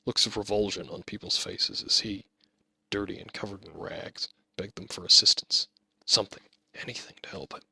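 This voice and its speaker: A man reads his own fantasy novel aloud in a measured, steady storytelling manner. His voice is on the low side with a gravelly rasp and a bright edge, and the recording is dry and close. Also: no echo. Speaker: author narrating his own audiobook. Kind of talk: scripted audiobook narration.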